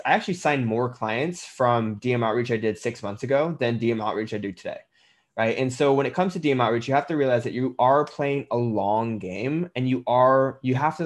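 A man coaching personal trainers on their business in a blunt, conversational way, with the odd swear word. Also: medium pitch. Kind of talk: casual instructional talk.

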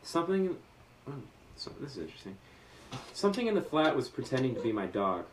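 A man co-hosting a casual podcast, reading listener stories aloud and tossing in deadpan jokes. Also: mid-range voice, a little fast. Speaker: podcast co-host. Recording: roomy sound from a distant mic with faint noise.

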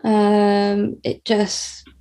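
A woman's voice: mid-range voice, monotone, extremely slow, warm tone. A young woman from the UK, talking hesitantly about her life in an interview, with many fillers and restarts. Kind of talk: personal interview.

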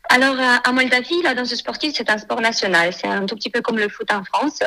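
A woman, answering interview questions on the phone in a measured, thoughtful way with frequent pauses. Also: on the high side, steady tone, sharp tone, rough recording. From Moldova. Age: 30s. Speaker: guest, former dance champion and coach.

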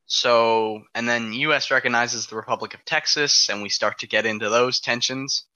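Man presenter, very bright and forceful tone, dry close sound, laid-back explainer with ums. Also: mid-range voice, steady tone, moderate pace, no echo, lo-fi sound. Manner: walks through dates step by step, frequent ums. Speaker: presenter of an alternate history timeline. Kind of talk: casual explanatory podcast talk.

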